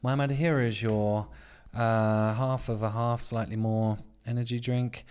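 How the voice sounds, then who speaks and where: A man's voice: medium pitch, steady tone, measured pace, darkish tone, clear, resonant tone. A man co-hosting a podcast in the middle of the night, sleepy and trading jokes in casual banter. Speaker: podcast co-host. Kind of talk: casual late-night chat.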